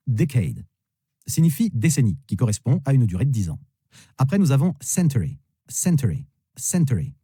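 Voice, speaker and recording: Guy teaching words, says each one three times, husky voice, lively pitch. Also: no echo. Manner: slow, repeats each word three times. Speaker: English teacher. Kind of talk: vocabulary lesson, repeating words.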